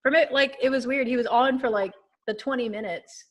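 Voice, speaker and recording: A woman's voice: sits high, brisk. A woman from Texas hosting a casual podcast chat, chatty and giggly with many fillers. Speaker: podcast host.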